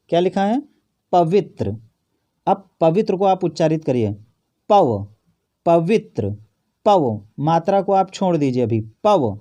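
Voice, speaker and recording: A man's voice: on the high side, warm tone. Man teaching, repeating each answer. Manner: repeats questions and answers them himself. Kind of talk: exam-prep grammar lesson. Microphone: phone or camera over a notebook.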